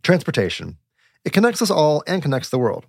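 A man's voice: a little high, huge pitch swings, brisk, vocal fry, husky, no room sound, studio quality. A man hosting a podcast, introducing a guest and asking upbeat interview questions. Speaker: podcast host.

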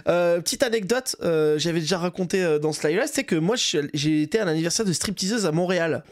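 A man's voice: a little high, fast talker, very noisy. A man from France telling rambling anecdotes in casual chat, laughing often and filling with "euh".

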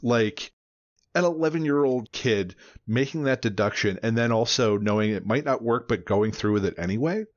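A man's voice: medium pitch, animated, normal speed, dry recording, highs cut off. A man co-hosting a podcast, rambling through a casual book chat with many "you know"s. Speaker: podcast co-host.

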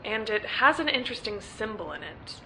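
An actress playing the detective's brisk, matter-of-fact young friend. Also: female voice, mid-range voice, very animated, pushed and bright, a little hiss or hum, poor audio.

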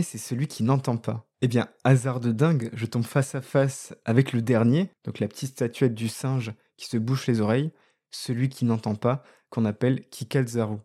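Mellow-voiced man musing aloud. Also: medium pitch. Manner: thoughtful, asks many rhetorical questions; conversational, addresses listeners directly. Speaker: podcast host. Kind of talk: reflective podcast monologue.

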